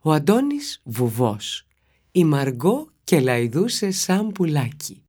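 A woman narrating a children's story in a steady, expressive reading voice. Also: low voice.

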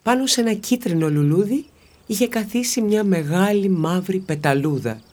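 A woman narrating a children's story in a steady, expressive reading voice. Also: medium pitch.

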